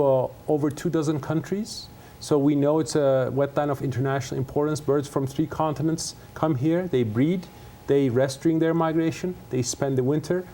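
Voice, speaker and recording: A middle-aged man from Turkey, Turkish his first language, speaks earnestly as a guest in a TV studio interview. His voice sits a little high for a man, and he often pauses on fillers and restarts his sentences. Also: dark tone. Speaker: guest, conservation scientist. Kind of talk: casual interview talk.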